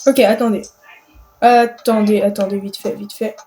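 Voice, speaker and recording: A woman's voice: mid-range voice, flat delivery, moderate pace, dark tone, a little hiss or hum, low-quality recording. A woman giving let's play commentary, exclaiming and stammering over repeated words. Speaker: gamer.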